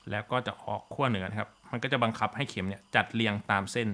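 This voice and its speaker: A man's voice: lowish voice, fast talker, sharp tone. A man teaching a physics class online, switching between Thai and English, with many "uh" fillers and a habit of checking in with "okay?".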